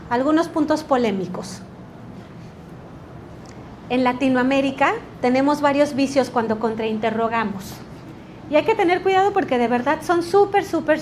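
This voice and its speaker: A woman teaching a litigation workshop, energetic and quizzing the class with rhetorical questions. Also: high voice, slight background noise. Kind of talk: workshop lecture.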